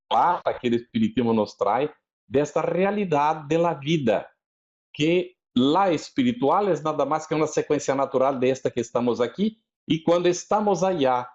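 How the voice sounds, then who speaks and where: A man's voice: a little high, darkish tone. A man giving a religious lecture in a didactic way, often checking in with his listeners. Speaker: spiritist lecturer. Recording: dull lo-fi recording.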